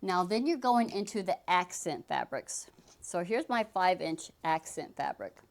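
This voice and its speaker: Woman doing a sewing how-to, lowish voice, chatty, talks while she cuts. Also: lively intonation, a little slow. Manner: chatty, talks while working, frequent restarts. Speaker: sewing instructor. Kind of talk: casual how-to demonstration.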